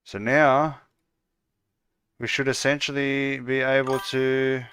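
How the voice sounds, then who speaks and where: An Australian man chatting casually with viewers while building his game on a livestream, relaxed and full of "uh" fillers. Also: mid-range voice, takes it slowly, a little hiss or hum. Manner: relaxed, lots of "uh" fillers, calls viewers "mate".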